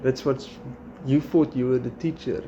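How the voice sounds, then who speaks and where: In a casual podcast chat, a South African man with Afrikaans as his first language speaks at a moderate pace and medium pitch. He's lively, quoting and acting out his students' lines, and the recording is slightly dull with faint background noise.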